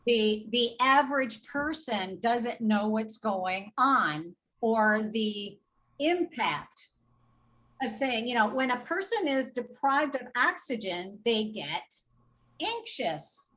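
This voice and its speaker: Slow, bright-voiced woman telling a story. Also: on the high side, expressive, low-quality recording. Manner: indignant, recounts exchanges in quoted dialogue. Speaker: patient advocate guest. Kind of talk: podcast storytelling.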